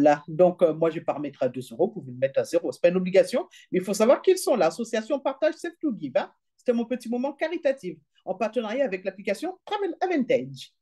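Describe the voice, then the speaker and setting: Warm in tone and mid-range in pitch, this travel deals presenter talks casually through an app demonstration. She reads the prices and numbers slowly and keeps dropping in little fillers such as "hein" and "d'accord."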